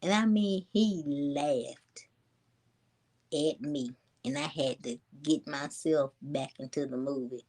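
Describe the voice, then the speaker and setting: A woman, casually telling a story to her viewers in a chatty, animated way. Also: deep voice, slow pace. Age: 20s. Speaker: vlogger.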